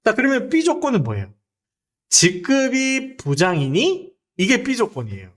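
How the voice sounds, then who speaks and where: A young man lecturing on a spreadsheet exam, his voice pitched high and swinging up and down as he goes. He keeps asking his viewers questions and checking that they follow, in the manner of a lively online tutor. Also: quick pace. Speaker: teacher.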